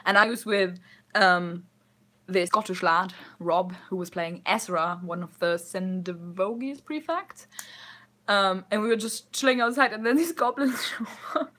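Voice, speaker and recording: A woman's voice: medium pitch, a little slow, a bit bright. A young woman vlogger telling stories in a casual, rambling way, with many fillers and frequent giggles. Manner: giggly, laughs often while telling stories. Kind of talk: casual storytelling.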